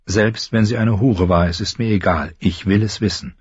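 A man's voice: on the low side, fairly even intonation, moderate pace, breathy edge, no echo, lo-fi sound. A man voicing an earnest young son. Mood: determined. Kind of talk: audiobook reading.

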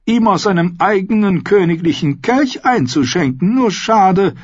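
A man's voice: high-pitched, expressive, a little slow, slightly rough, no echo, pitched above the performer's own voice, full character voice. Brief: an ironic dwarf nobleman, polite on the surface and biting underneath, read by a man, dry dull recording. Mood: wry courteous. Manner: mock-courteous, wry.

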